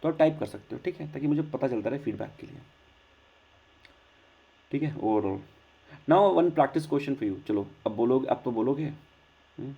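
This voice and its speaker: A man's voice: mid-range voice, expressive, moderate pace, gravelly, pauses often, slightly rough, dull audio. A man with an Indian accent teaching an online class, mixing Hindi and English and checking in often with his students.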